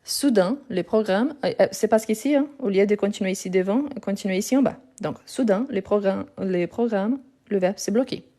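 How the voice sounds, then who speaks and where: A woman's voice: medium pitch, moderate pace, mellow. A woman teaching a live grammar lesson over her phone, explaining patiently, repeating words and correcting herself as she goes. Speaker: French teacher.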